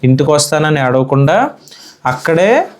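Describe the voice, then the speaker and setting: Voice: mid-range voice, big pitch swings, normal speed. A Sunday school teacher from India giving a children's Bible lesson in a church classroom, asking the children questions and repeating their answers.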